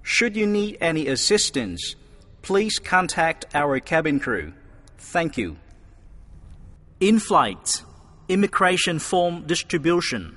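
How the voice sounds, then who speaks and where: Slow, bright male flight attendant announcement. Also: fairly high pitch, sing-song. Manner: formal flight attendant delivery. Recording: long hall-like reverb.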